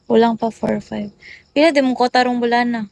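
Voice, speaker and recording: Woman streamer on a phone, a bit high-pitched, greets viewers one after another in casual chat. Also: fairly even intonation, fairly quick, vocal fry, a little mellow, rough recording. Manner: chatty, rattles off viewer greetings. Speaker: livestream host.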